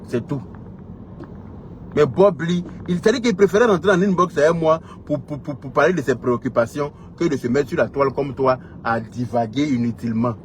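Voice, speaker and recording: A social media commentator with an Ivorian French accent delivers a heated rant straight to his audience, scolding with repetition and rhetorical questions. His voice is a little high and brisk, with slight background noise.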